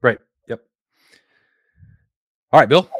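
A man's voice: slow pace, a bit bright, no room sound, clean studio sound. A man hosting a casual sports podcast, teasing his co-hosts with mock-grand flourishes. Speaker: podcast host.

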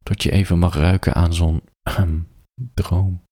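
A man reading an adult story aloud as a bedtime story, soft, slow and intimate, drifting into whispers, close to the microphone. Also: sits low, flat delivery, husky, no room sound.

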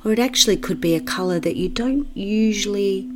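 With a mid-range voice, a woman guides children through a meditation, gentle and measured, leaving long pauses.

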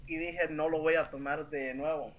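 A man's voice: a little high, fairly even intonation, normal speed, a little hiss or hum. A man as a podcast interview guest, telling a personal story earnestly and emphatically, with stumbling restarts. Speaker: interview guest, real estate agent.

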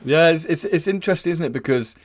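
A man's voice: fairly high pitch, animated, quick pace. A man hosting a podcast, asking long, rambling questions in a friendly, chatty way. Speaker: podcast host. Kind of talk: casual podcast interview.

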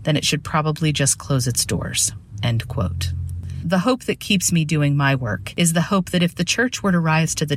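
A woman presenting on suicide prevention, reading a prepared presentation in an earnest, measured way. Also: sits low, a little hiss or hum.

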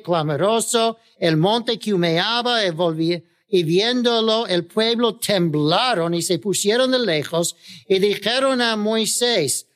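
High-voiced man preaching a sermon. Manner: often asks the listeners "¿verdad?"; chuckles between phrases, with filler "ah". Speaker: pastor.

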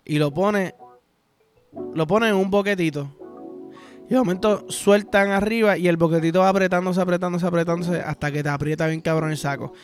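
High-voiced Puerto Rican man, crude rambling. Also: steady tone, a little fast, soft background music. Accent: Puerto Rican Spanish. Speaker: podcast host. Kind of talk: casual comedic podcast monologue.

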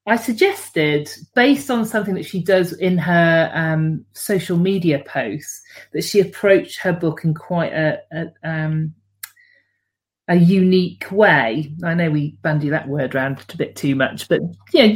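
A woman book coach answering interview questions in a casual, hesitant way, with many pauses and restarts. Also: lowish voice.

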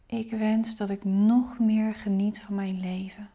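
A woman guiding a meditation in a soft, breathy spa-like near-whisper, giving gentle, soothing, unhurried instructions. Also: medium pitch, level tone. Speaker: meditation guide.

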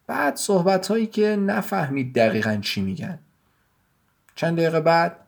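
A man reading his own written story aloud in a measured, even storytelling manner. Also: fairly high pitch, breathy edge. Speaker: writer and narrator. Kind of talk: scripted story narration.

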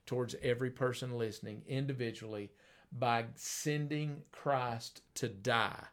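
Preaching like a radio storyteller, easy and conversational, an older man keeps an earnest, steady, fairly bright tone at a middle pitch. When he wants to emphasize something, his pace drops right down.

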